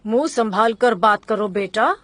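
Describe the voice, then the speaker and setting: A woman's voice: medium pitch, measured pace, fairly bright tone, dry recording, lightly acted. A woman dubbing a doting, soothing older mother in a TV drama. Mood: stubborn. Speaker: mother of the friend. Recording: dubbed dialogue over music.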